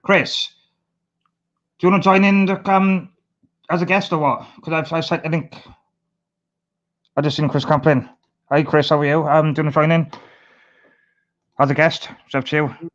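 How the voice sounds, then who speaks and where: Easygoing host on a lo-fi call. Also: male voice, on the high side, steady tone. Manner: easygoing, agreeable, lots of quick yeahs. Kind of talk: casual video-call chat.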